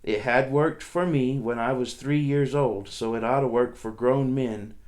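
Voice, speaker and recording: A man, a teacher, reading a novel aloud to his students in a steady, plain storytelling manner with small restarts. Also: mid-range voice, measured pace.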